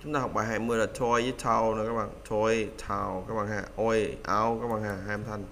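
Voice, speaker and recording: Guy teaching pronunciation, chatty, bright sharp voice, a little background noise. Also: fairly low pitch, little pitch movement, fast talker, gravelly. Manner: chatty, repeats sounds for students to copy. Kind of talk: casual teaching.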